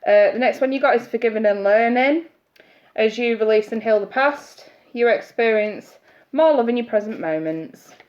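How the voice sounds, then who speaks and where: On a live stream, a chatty tarot reader greets her viewers by name, speaking at normal speed in a voice on the high side. Her hay fever makes her sound congested, and the sound is muffled with steady hiss.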